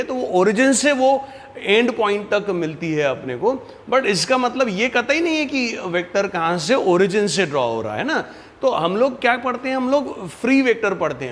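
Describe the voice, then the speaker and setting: A man's voice: high voice, fairly bright tone, in a large hall, a little hiss or hum. A man teaching maths in a classroom, explaining step by step and repeating key words. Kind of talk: classroom lecture.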